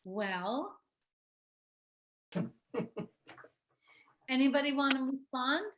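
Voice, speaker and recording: A woman's voice: sits high, animated, extremely slow, a bit bright. A woman presenting an online workshop on a video call, talking reflectively, telling stories and asking the group questions.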